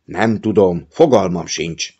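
A gruff old uncle roars and booms his words in sudden outbursts, as a male audiobook narrator puts him on. The voice sits a touch above the reader's own very low register. The recording sounds dull and lo-fi. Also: dark tone. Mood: bellowing. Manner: bellowing, booming outbursts.

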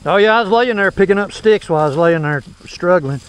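A man's voice: high voice, lively intonation, quick pace, a little hiss or hum. A man telling a story with laughs, out of breath on a wooded trail ride. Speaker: trail rider filming the ride. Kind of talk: casual chat on a trail ride. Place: outdoors on a wooded dirt bike trail.

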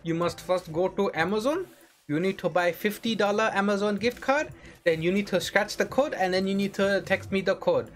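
Guy doing a fake indian accent scam caller, high-ish and pushy, keeps repeating himself. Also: moderate pace, natural voice. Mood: wheedling. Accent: put-on Indian. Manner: singsong, insistent repetition. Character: scam call center caller, man, pushy and overly polite.

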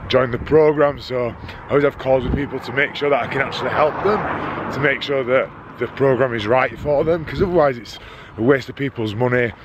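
A medium-pitched man, who is a vlogger and a dad, chats casually to a camera he holds at arm's length, rambling with fillers and restarts. A head cold leaves him with a stuffy nose, so he sounds slightly nasal. There's background noise as he moves from a country road outdoors to a home office.

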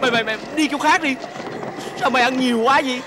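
An actor playing a lazy, greedy farmer husband who whines and complains. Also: male voice, very high voice, quick pace. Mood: pleading. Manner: whiny, grumbling and complaining. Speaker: greedy farmer husband in a folk-tale film. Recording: noisy old film soundtrack.

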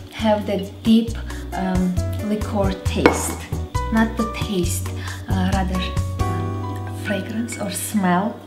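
With a medium-pitched, darkish voice, a woman in her thirties chats casually as she cooks on her home cooking show. The roomy kitchen carries faint clatter.

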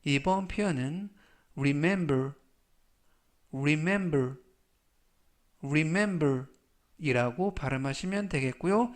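Slow, deliberate Korean man teaching English words. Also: a little high. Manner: slow, deliberate, repeats each word and spells out the meaning. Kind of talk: scripted vocabulary lesson.

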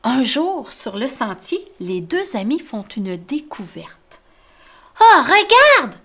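Lively high-voiced storytime librarian. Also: female voice, takes it slowly, slightly rough. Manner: explains words simply to children. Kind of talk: children's storytime reading.

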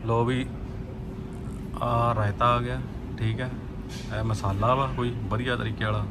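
A man's voice: medium pitch, a little slow. A man hosting a casual food vlog, joking and talking to his viewers from a car and then a restaurant, filmed on a phone. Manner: lively, joking, talks to viewers. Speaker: food vlogger host. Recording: noisy street and car sound.

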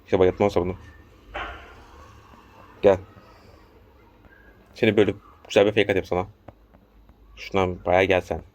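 Man, young, gameplay commentary, deep voice, monotone, chiding the game. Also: moderate pace, pauses often. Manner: talks to the game, urging and scolding. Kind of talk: casual let's-play commentary.

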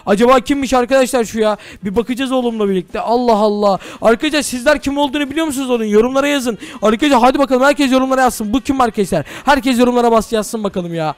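Excitable young male gamer, very high and rapid; close, dry mic. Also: dry recording. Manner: excitable, addressing viewers, exclaiming. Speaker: gaming YouTuber. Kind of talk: Minecraft role-play commentary.

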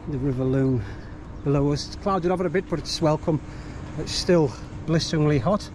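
A man's voice: a little high, normal speed, darkish tone. A middle-aged man narrating a bikepacking trip casually, outdoors on a canal towpath, with many fillers. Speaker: bikepacking vlogger. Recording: faint outdoor background noise.

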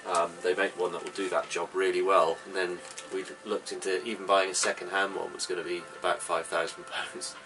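Low flat-voiced man touring his boat. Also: a little fast, few pauses. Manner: practical, plain-spoken, trails off with ums. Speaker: boat owner giving a tour. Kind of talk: casual explanation. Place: cramped boat cabin, indoors. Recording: slightly distant mic with faint background noise.

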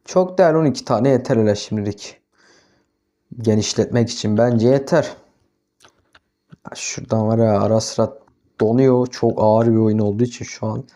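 Young guy doing casual let's-play commentary, mellow voice, talks to himself, keeps getting fed up and yelling. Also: on the low side, moderate pace, pauses often. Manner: talks to himself, flares into exasperated yelling at the animals. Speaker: gaming YouTuber.

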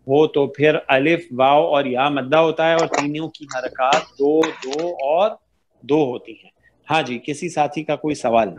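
A man's voice: fairly high pitch, noisy background. Patient male Tajweed teacher. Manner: patient, explains rules step by step and models sounds. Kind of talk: online class lecture.

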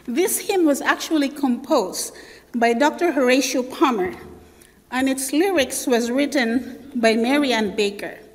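Woman church elder, sermon storyteller, slightly high voice, reverberant hall. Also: unhurried. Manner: animated storyteller, acts out family voices. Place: church sanctuary.

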